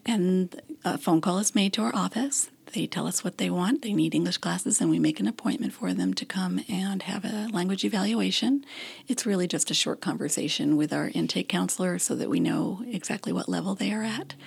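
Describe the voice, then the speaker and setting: A woman program coordinator answering interview questions in a relaxed way, with frequent fillers. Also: lowish voice, a little fast, gravelly, breathy edge.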